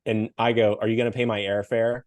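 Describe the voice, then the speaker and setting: A man's voice: fairly low pitch, little pitch movement, fairly quick, darkish tone, no echo. A middle-aged man from Western Pennsylvania telling a story in a casual interview, acting out the people he quotes and laughing often. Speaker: podcast guest, coach and speaker.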